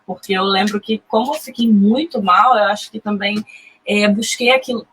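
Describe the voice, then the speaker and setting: Brazilian woman, thoughtful and halting, mid-pitched voice, casual chat. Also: fairly bright tone, low-quality recording. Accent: Brazilian Portuguese. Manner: reflective, with halting restarts.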